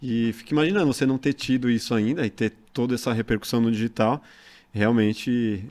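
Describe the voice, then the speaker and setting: A Brazilian man hosts a casual podcast chat, easygoing and slangy. His voice sits at a middling pitch as he reacts and asks his guest questions. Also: fast. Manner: relaxed and slangy, asking questions and affirming. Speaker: podcast host.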